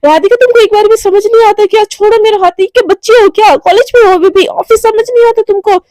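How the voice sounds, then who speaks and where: A woman's voice: high-pitched, steady tone, brisk, warm tone, no room sound. A woman doing a snappish, quarrelsome young woman. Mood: shouting. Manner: snappy, scolding. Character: young woman, quick-tempered and sharp-tongued office worker.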